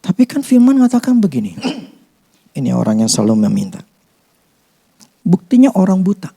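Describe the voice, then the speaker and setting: A man preaching a sermon as pastor, conversational and lively, swinging between loud bursts and hushed asides. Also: high-pitched, normal speed, gravelly, husky.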